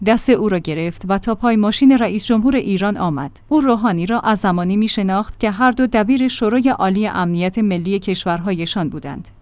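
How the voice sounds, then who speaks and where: A woman reads a news magazine report aloud. Her delivery is steady and measured, at a middle pitch. The sound is dry and close, with no room echo. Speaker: news reader.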